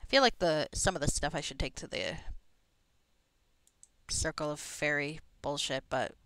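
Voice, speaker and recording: Bright, clear woman streaming a game. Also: low voice, moderate pace, no echo. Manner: wry, sweary musing to herself. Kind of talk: casual gameplay commentary, reading dialogue aloud.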